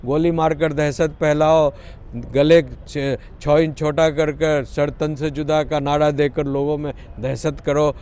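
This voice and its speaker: A man's voice: a little high, flat delivery, takes it slowly, a little mellow. A man giving an emphatic, lecturing street interview, mixing in English phrases.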